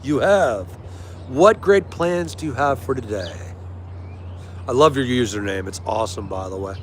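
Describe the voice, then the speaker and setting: A man with an American accent, from the United States, hosts a livestream and chats casually, agreeably and warmly with his live viewers. His mid-range voice is expressive and moves at a moderate pace. The recording is clear, with vehicle-like ambience in the background.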